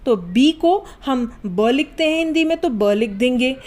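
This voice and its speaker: Young woman teacher, high voice, slow and patient, spells words out letter by letter. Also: lively intonation, darkish tone. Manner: asks the class if it is clear. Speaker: English teacher. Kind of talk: online spoken English lesson.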